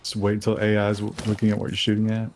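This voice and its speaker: A man streaming a game live, talking casually and explaining things as he plays. His voice sits low, and a faint hiss runs under it. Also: completely flat delivery, fast, darkish tone. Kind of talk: live gameplay commentary.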